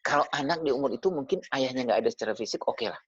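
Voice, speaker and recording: A man's voice: medium pitch, animated, very fast, a bit bright, husky, no echo. A man giving a religious parenting talk over a video call, chatty, turning to his listeners with tag questions as he goes. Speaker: parenting speaker. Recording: dull lo-fi video call audio.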